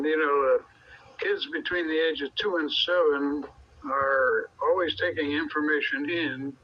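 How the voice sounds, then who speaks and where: A man chatting casually over CB radio, giving his opinions in a plain-spoken, halting way. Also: fairly high pitch. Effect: CB radio transmission. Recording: muffled noisy CB radio transmission.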